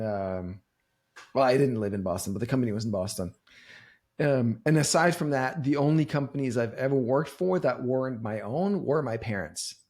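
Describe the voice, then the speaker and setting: A man in his forties answers a podcast host's questions. He talks with open, confessional candor and trips over his words, restarting phrases. His pitch sits in an ordinary middle register but swings up and down as he goes. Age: 40s. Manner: halting, restarts often, wide swings in pitch and loudness. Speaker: podcast guest. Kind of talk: candid storytelling in conversation.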